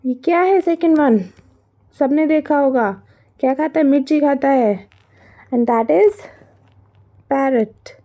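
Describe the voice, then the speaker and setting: A woman's voice: high-pitched, slow pace, pauses often, mellow. A woman with an Indian accent teaching young children from a workbook, switching between Hindi and English, asking questions and answering them herself. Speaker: primary school teacher.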